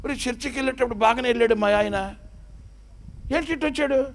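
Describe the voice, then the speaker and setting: A man's voice: very high-pitched, fast, pitched above the performer's own voice. A man preaching who voices an alarmed older wife scolding her husband to speak properly. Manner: exasperated scolding. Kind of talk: sermon storytelling.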